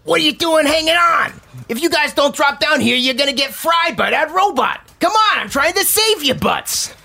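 Squeaky, pixie-like little rat creature. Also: male voice, expressive, normal speed, gravelly, pushed and bright, heavily acted. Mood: urgent, cheeky. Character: squeaky, brash, scrappy rat creature in robot armor.

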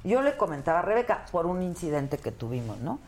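A woman's voice: lowish voice, sing-song, fairly quick, a loud crowd. A woman with a Mexican accent, a talk-show host interviewing guests, playful and teasing. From Mexico City. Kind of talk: casual interview chat.

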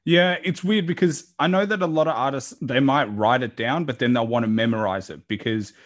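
A man with a mid-range voice hosts a podcast, interviewing a guest in a casual way. He speaks briskly, asking informal, wordy questions peppered with "like."

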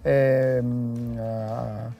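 A man hosting a live stream, greeting viewers and reading their comments in a playful, teasing way with sudden loud bursts. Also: medium pitch, level tone, gravelly, lo-fi sound, soft background music. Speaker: host.

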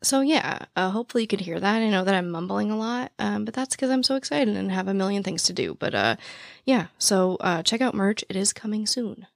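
A young woman hosts a true crime podcast, her raspy, gravelly mid-range voice thick with vocal fry and very expressive. She chats casually to listeners at a breathless clip, laughing and using fillers as she stands at a podcast mic. The recording is close and dry, with no echo or room sound.

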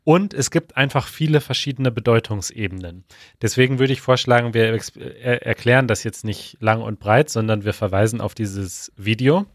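A man co-hosting a podcast in casual chat, relaxed and a little hesitant. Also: mid-range voice, normal speed, dry recording, studio quality. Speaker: podcast co-host.

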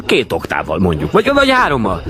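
An actor playing a panicky theater director who shouts and pleads by turns. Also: male voice, on the low side, wildly swooping pitch, noisy background. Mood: desperate. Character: frantic middle-aged male theater director.

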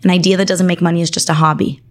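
Articulate, fairly low-voiced woman attorney. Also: level tone. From Argentina. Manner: articulate, enthusiastic, lists things quickly. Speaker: attorney, podcast guest. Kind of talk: conversational interview.

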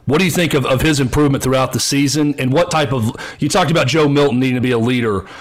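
A man co-hosting a sports podcast in casual chat, joking and quick-witted. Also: mid-range voice. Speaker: podcast co-host.

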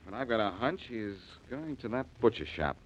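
An actor in an old radio show playing a sharp, confident amateur detective. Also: male voice, fairly low pitch, very animated, fairly quick, muffled recording. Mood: brisk, curious. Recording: old radio recording with faint noise.

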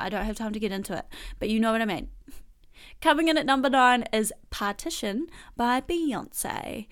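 A young woman hosting a casual song countdown, talking in an animated, slangy, gushing way. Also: a little high. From New Zealand. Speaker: host.

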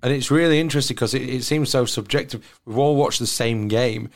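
A man's voice: mid-range voice, a little fast. A man in his thirties hosting a football podcast, putting questions and discussing the game. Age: 30s. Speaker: podcast host.

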